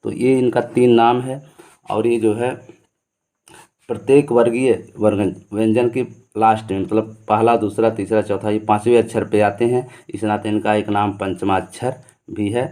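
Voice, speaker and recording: Mellow-voiced male teacher explaining patiently. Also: on the low side, level tone, normal speed. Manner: repeats points, asks and answers his own questions. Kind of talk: explaining Hindi grammar to students.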